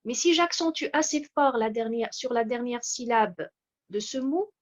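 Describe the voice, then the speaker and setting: Woman lecturer, high voice, measured and hesitant, muffled online-talk sound. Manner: measured, explanatory, with frequent hesitations. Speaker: lecturer presenting slides. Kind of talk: slide-based lecture on word stress.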